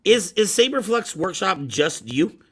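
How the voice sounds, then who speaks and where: A man hosting a casual podcast interview, chatty and agreeable, often answering with quick repeated affirmations. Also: sits high, big pitch swings, husky. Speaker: podcast host.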